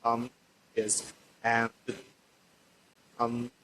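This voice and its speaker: A man's voice: medium pitch, completely flat delivery, drawn-out words, pushed and bright, low-quality recording. A man in a mid-range voice explains a point with some fillers and restarts. His words break up and fade in and out over a glitchy video call, with a faint hiss behind him. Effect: choppy, cutting-out video call audio. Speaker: remote student. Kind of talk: answering a question in class.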